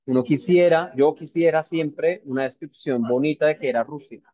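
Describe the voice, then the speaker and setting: A man's voice: on the high side, normal speed, mellow. Thoughtful man presenting to a book club. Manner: thoughtful, hesitant, with many fillers and tag questions. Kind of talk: informal book discussion talk. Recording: dull lo-fi sound.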